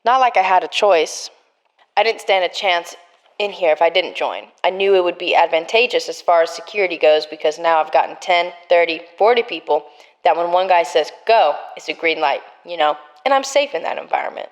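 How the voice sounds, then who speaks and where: A woman's voice: fairly low pitch, fairly quick, natural voice. A woman voicing a hardened male prison gang captain in a murder mystery game, trying for a Boston accent that keeps slipping. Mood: tough.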